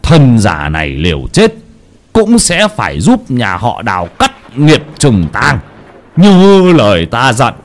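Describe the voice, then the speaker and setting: A man's voice: mid-range voice, wildly swooping pitch, slow pace, exaggerated voice. A man voicing a stern old male exorcist who speaks in a grave, commanding way. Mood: grave warning.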